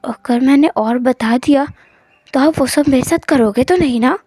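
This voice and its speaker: A woman's voice: high-pitched, normal speed, dark tone, breathy edge, no room sound. A woman voicing a timid young male bride who stammers and hesitates as he speaks.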